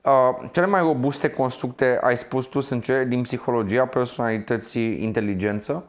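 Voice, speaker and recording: A man hosting an academic interview, debating points with his guest and addressing the audience. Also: mid-range voice. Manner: debating points, then wrapping up the segment for listeners. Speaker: interview host.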